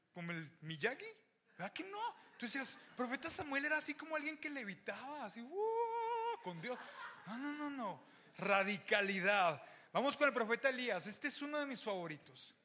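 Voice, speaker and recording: A young man with a Mexican accent preaching an animated, joking sermon to young people, often raising his voice. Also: high-pitched. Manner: animated, joking, shouts to the crowd. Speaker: youth preacher. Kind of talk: lively sermon.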